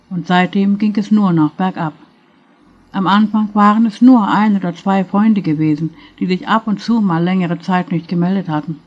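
Calm woman reading a story aloud. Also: on the low side, highs cut off. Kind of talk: audiobook narration.

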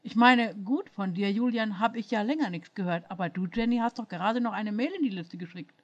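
A woman's voice: medium pitch, a little fast, muffled recording, pitched above the performer's own voice, close to an everyday voice. A woman reading a German fan story aloud, voicing a baffled young man who stammers in confusion. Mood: flustered. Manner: stammering, bewildered.

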